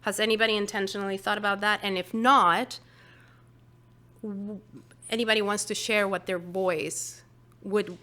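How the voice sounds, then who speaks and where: Chatty workshop leader, a woman speaking English as a second language; bright, forward voice. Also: medium pitch, steady tone, moderate pace, long pauses. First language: not English. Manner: chatty, uses many fillers and "right?". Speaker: workshop facilitator. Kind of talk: casual workshop teaching.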